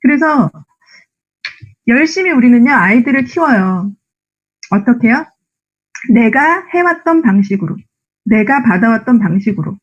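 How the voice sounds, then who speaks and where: A young adult woman giving a motivational lecture, animated and often asking the audience rhetorical questions. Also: fairly high pitch, a little slow, pauses often, dull audio. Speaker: speech instructor giving a lecture.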